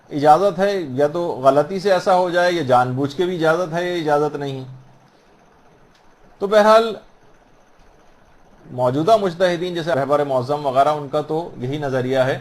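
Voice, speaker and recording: A man teaching the rules of prayer in a patient, explanatory way, repeating phrases and slowing down to model the correct pronunciation. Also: a little high. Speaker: religious teacher. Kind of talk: instructional talk on prayer rules.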